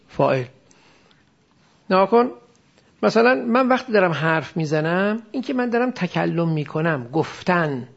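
A man's voice: sits high, creaky, dull audio. A man teaching a class, explaining grammar step by step and quizzing his students with questions. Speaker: religious studies teacher. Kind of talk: classroom lecture on Quranic Arabic grammar.

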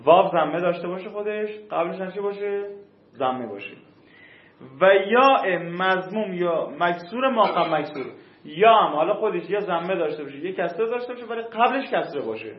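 A man's voice: high voice, expressive. Man teaching in an echoey room. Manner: stretches key words, checks understanding. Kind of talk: classroom lesson on Arabic grammar rules. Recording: echoey, slightly dull room recording.

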